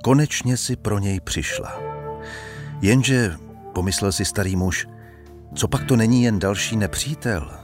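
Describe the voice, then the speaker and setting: A man narrating an audiobook in a measured, dramatic storytelling manner. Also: fairly low pitch, music in the background.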